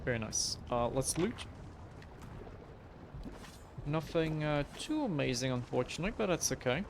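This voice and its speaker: A man's voice: fairly high pitch, very animated, measured pace, gravelly, background noise. A man hosting a casual video game playthrough, reading game text aloud with offhand, wry asides. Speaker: gaming host.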